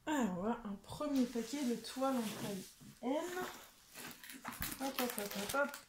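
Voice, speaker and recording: A woman vlogger, casual and chatty, presents her collection with a fairly high voice. She speaks at an unhurried pace and keeps saying "hop" and "voilà". The room sounds echoey, with clear background noise. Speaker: craft vlogger. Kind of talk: casual show-and-tell vlog.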